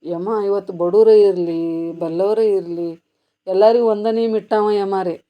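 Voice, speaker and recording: Woman, devotional preacher, storytelling sermon, rhetorical questions, hushed to loud. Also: mid-range voice, fairly even intonation, unhurried, dull audio. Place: ashram gathering.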